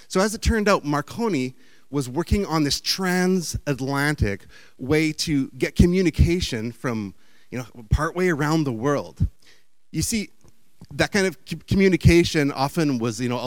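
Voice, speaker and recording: A man's voice: fairly high pitch, dry recording. A man giving a chatty, meandering storytelling talk with slides.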